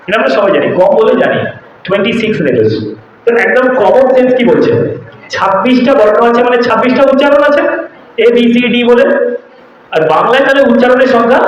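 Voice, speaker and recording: Bengali accent guy teaching english to students, asks them questions, echoey classroom with faint hiss. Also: high-pitched. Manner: mixes English phrases into his talk, asks students questions. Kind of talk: classroom lecture. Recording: muffled echoey room recording with faint hiss.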